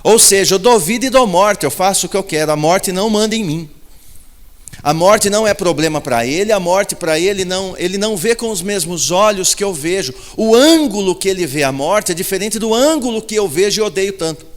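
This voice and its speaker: A man's voice: sits high, fairly quick. A man with a Brazilian Portuguese accent preaching a sermon, repeating his points with emphasis and asking rhetorical questions. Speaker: pastor. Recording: long hall reverb.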